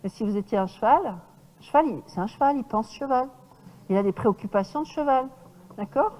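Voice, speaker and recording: Lively woman lecturing with a high voice. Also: brisk, in a large hall, low-quality recording. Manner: lively and demonstrative, often checks in with the audience. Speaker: horse trainer giving a talk. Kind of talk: lecture to an audience.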